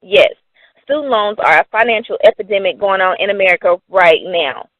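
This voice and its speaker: A young woman pitches a financial program in an upbeat, persuasive way, often posing questions and answering them herself. Her voice sits at an ordinary pitch. The recording is dry and narrow, like a phone line. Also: brisk, fairly bright tone, dry recording. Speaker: company presenter. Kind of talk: scripted sales presentation.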